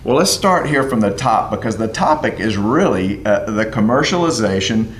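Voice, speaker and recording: A man hosting an interview show, upbeat and quick with short affirmations. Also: lowish voice, sing-song. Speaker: show host. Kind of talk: interview host. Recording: roomy sound with faint music.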